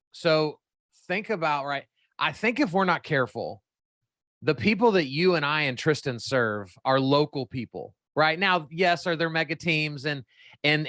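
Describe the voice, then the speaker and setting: Bright-voiced, joking male podcast guest. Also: fairly high pitch, dry recording. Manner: joking, self-mocking, blunt slang. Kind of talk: casual podcast debate.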